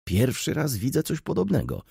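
A man's voice: medium pitch, wildly swooping pitch, moderate pace, creaky, mellow, breathy edge, no echo, clean studio sound, pitched above the performer's own voice, exaggerated voice. A man voicing a wry, sarcastic lawyer. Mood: wry aside. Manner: wry, aside-like. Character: wry middle-aged male lawyer, dryly sarcastic.

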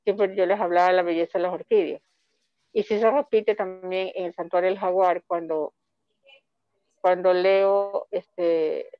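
A woman's voice: on the low side, fairly even intonation, a little slow, no room sound, highs cut off. A woman from Ecuador, a comic author, presenting her books in a rambling, chatty way with many restarts over call audio. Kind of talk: online book fair presentation.

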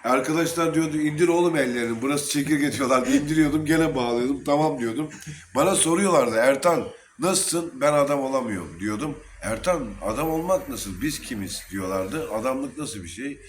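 Man, mid pitch, earnest storyteller recounting his experience at a lodge gathering, slight background noise. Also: expressive, normal speed. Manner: earnest, emotional storytelling with quoted dialogue. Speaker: Sufi disciple telling his story. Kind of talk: casual spoken testimony.

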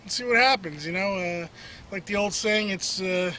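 Man in his 30s, high voice, easygoing fishing host, loose and jokey, outdoors on camera mic, faint background hiss. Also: normal speed, bright, forceful tone. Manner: easygoing, joking, lots of filler words. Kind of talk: casual outdoor fishing vlog. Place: outdoors by a canal. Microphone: camera mic, medium shot.

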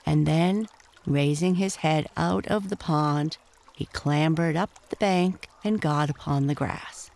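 Slow, unhurried bedtime storyteller. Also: medium pitch, creaky, darkish tone.

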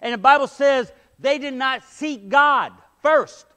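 A man's voice: very high voice, slow pace, bright, forceful tone, clear, resonant tone. A middle-aged man preaching a sermon in a church sanctuary, emphatic, with rhetorical questions, on a headset mic. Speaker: pastor. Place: church sanctuary, medium-sized, indoors.

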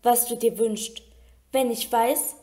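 Spirited young heroine, doubtful, pressing questions, higher warm voice, woman reading, storybook. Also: steady tone, slow pace.

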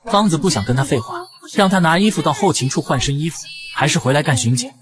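Telling the story of a television drama episode, a man speaks quickly and with lots of energy. His voice is a bit high and rises and falls constantly.

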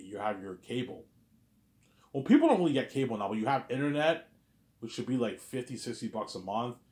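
Talking alone to his audience, a man in his 30s who vlogs drifts along casually, stumbling over words and saying things twice. His medium-pitched voice is a little mellow, heard in an echoey room.

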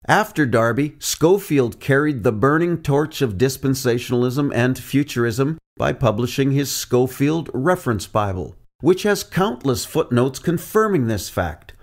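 With a medium-pitched, somewhat dark voice, a man presents a prepared teaching as a preacher. He speaks deliberately and evenly, reciting quotations from the sources he draws on.

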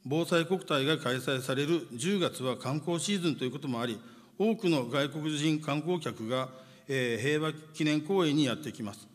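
A man, a city mayor, gives a formal ceremonial speech, measured and dotted with drawn-out filler sounds. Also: a little high. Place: large conference hall. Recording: long hall reverb.

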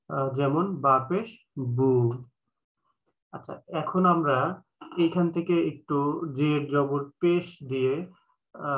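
A man with a Bangladeshi Bengali accent, teaching an online class in a patient way, repeating each point slowly with many filler sounds. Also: on the high side, fairly bright tone, rough recording. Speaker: Quran reading teacher. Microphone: online call.

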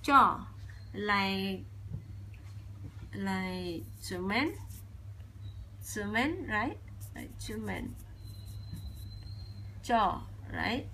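Standing at a whiteboard indoors, a young woman from Cambodia teaches her language slowly in a Khmer accent, going over every sound again and again with deliberate care. Her voice sits at medium pitch with a sharp tone, and the low-quality recording carries slight background noise.

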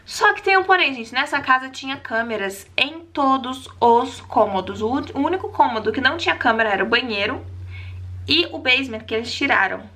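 Bright-voiced woman telling a story. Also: high-pitched, brisk. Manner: animated, acts out quoted voices. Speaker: vlogger. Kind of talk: casual storytelling vlog.

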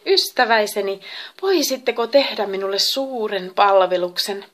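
A woman's voice: mid-range voice, expressive, fairly bright tone, close to an everyday voice. A woman doing a weary, worried male god. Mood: anxious. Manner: sighing, anxious pleading. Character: tired, worried male god carrying a chest.

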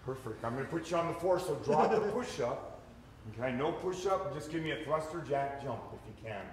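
Upbeat male fitness instructor, mid-range voice, counting reps in a loud echoey gym. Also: fairly high pitch, animated, fairly quick. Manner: upbeat encouraging cues, laughs often. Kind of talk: coaching a live group class. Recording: echoey gym room, loud background noise.

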